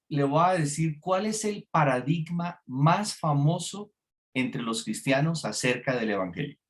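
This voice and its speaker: A man preaching a sermon to a congregation, engaging them with frequent questions. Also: fairly high pitch. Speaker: pastor. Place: church before a congregation.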